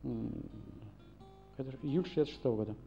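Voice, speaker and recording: A man's voice: medium pitch, expressive, a little fast, gravelly, warm tone, highs cut off, faint music behind. A man from Saint Petersburg, a singer-songwriter, rambling and self-deprecating between songs at a live performance. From Saint Petersburg, Russia. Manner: rambling, self-deprecating, hums and sings snatches of tunes.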